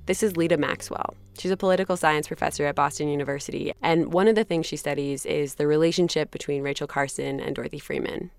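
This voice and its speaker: A woman's voice: low voice, fairly even intonation, fast talker, few pauses, smooth, soft background music. A woman hosting and narrating a story podcast in a conversational, reflective way. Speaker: podcast host. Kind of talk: scripted narration.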